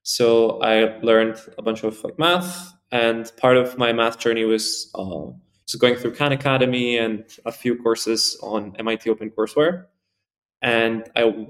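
A man's voice: medium pitch, fairly even intonation, measured pace. Speaking in an ordinary middle register, a young man in his early twenties from Spain answers a podcast host's questions. He rambles casually, leaning on "like" and "um" as he talks. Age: early 20s. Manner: rambling, heavy use of "like" and fillers. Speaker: podcast guest.

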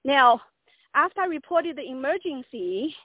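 Female caller, high voice, halting unscripted complaint over thin phone audio. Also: sing-song, dry recording. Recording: tinny dry phone line.

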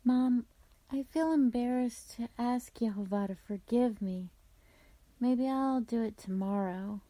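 A woman voicing a soft-spoken young girl. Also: on the high side, natural voice, poor audio. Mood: timid. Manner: soft, slow, wondering. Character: young girl, curious and tempted.

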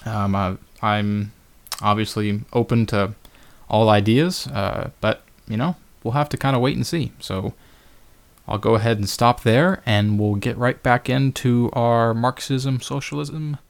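A man talking through his own solo podcast, loose and conversational. He pauses often on fillers and drops dry, sarcastic remarks. His pitch sits at a middling level for a man. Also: vocal fry. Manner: conversational, many fillers, wry sarcastic asides. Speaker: podcast host. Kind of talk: casual solo podcast monologue.

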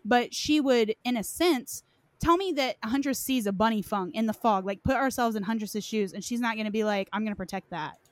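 Her voice is on the high side and a little fast, with no room sound, as this woman joins a podcast on game lore. She chats casually and informally with her co-discussants, speaking loosely as she offers her opinions.

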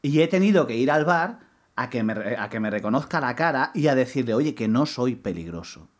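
A young man co-hosting a podcast, telling a story in casual chat with lots of restarts and lively retelling. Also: mid-range voice, fairly quick. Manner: rambling, many restarts, animated retelling. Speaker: podcast co-host.

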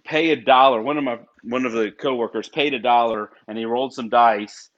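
A man's voice: mid-range voice, fairly even intonation, fairly quick, a bit bright, lo-fi sound. Folksy Southern man hosting a podcast. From South Carolina. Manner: folksy, rambling, laughs at own jokes. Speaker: podcast host.

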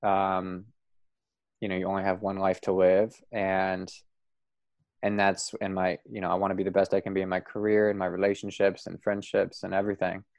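A man hosting a podcast interview, talking in a relaxed, rambling way and laughing easily. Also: low voice, moderate pace, creaky, dry recording. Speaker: podcast host. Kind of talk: casual interview chat.

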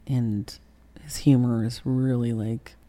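A middle-aged woman as an interview guest, telling a personal story candidly and emotionally, swearing and acting out heated quotes with sudden loud bursts. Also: rumbling low, fairly even intonation, slow pace.

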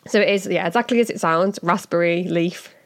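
Woman, Hull accent, somewhat low-pitched, casual podcast explanation, chatty, informal, full of asides. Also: fairly quick. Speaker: podcast host.

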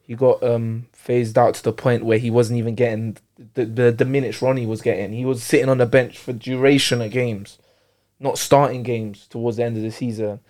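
A man with an urban London roadman accent argues casually as a panellist on a football show, repeating and restarting his points and using street slang. His voice is medium-pitched, level and darkish, and he talks briskly.

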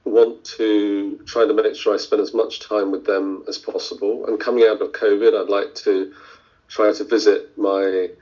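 A middle-aged man from India with a lowish voice speaks as a surgeon guest in an interview. He talks thoughtfully, full of ums and restarts. The audio is dull and lo-fi, as over a video call. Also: little pitch movement, normal speed, a little mellow. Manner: thoughtful, many fillers and restarts. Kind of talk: interview answers.

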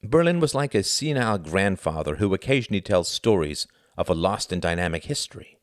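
A man reading a novel aloud as an audiobook narrator, in an expressive storytelling manner. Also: sits low, no echo, clean studio sound. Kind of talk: scripted narration.

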